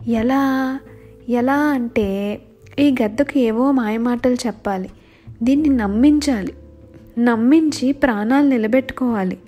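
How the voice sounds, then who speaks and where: A woman voicing a sly male cat who pleads and flatters, pretending to be pious, in a storybook tale. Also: on the high side, measured pace, pauses often. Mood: scheming. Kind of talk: storybook voice acting. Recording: faint music underneath.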